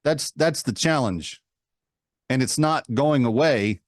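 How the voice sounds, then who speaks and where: A man's voice: medium pitch, takes it slowly, no echo, clean studio sound. A man hosting a political talk show, delivering a monologue in a mocking, emphatic way that repeats words for effect.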